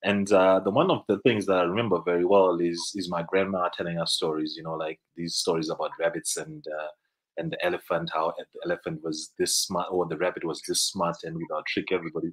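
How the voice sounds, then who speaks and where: Deep-voiced Zimbabwean man on a video call. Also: level tone, a little fast, breathy edge, poor audio. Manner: rambling, many restarts and fillers. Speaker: guest, business co-founder. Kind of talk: casual interview storytelling. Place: indoor room, video call. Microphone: video call webcam.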